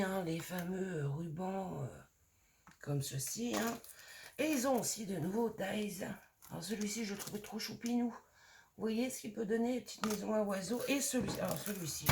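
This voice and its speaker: A woman with a slightly hoarse voice, chatting casually and gushing as she shows off craft supplies in a haul video. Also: mid-range voice, lively intonation, normal speed, background noise. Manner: chatty and gushing, lots of fillers. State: voice a bit hoarse. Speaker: scrapbooking vlogger.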